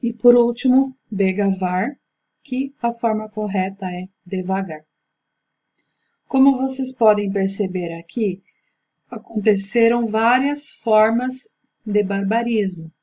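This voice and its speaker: A woman teacher giving a recorded grammar lesson, explaining patiently and slowly. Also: mid-range voice, warm tone, husky, lo-fi sound. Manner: slow, patient explaining with slides.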